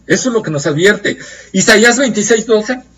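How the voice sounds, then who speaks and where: A man preaching a Bible study sermon, earnest and emphatic, slowing down to stress key phrases. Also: high voice, lively intonation, a bit bright, far from the mic.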